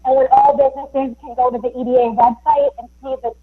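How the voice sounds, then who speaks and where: A woman speaks steadily over a remote call as her audio cuts in and out and keeps fading away. Her voice sits a little high and is muffled in dull, lo-fi sound. She sounds like a staffer walking a public board through the plans. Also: level tone, fast talker, husky. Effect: remote call audio cutting in and out and fading away. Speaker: economic development staff presenting to commissioners. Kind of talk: briefing in a public board meeting. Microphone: remote call, joined by unmuting.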